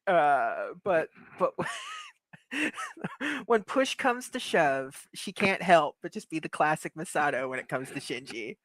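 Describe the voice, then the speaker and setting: A man's voice: fairly high pitch, sing-song, measured pace, fairly bright tone, dry recording. A young man co-hosting a podcast, chatting animatedly, laughing often and swearing casually. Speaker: podcast co-host. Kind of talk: casual chat.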